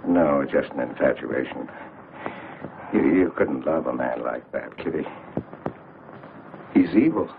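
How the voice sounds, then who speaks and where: A man's voice: very deep voice, animated, unhurried, vocal fry, long pauses, heavily acted. An actor playing a timid, lovesick older man who stammers as he pleads, in 1940s film noir style. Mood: pleading. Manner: hesitant and stammering. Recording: tinny noisy 1940s film soundtrack.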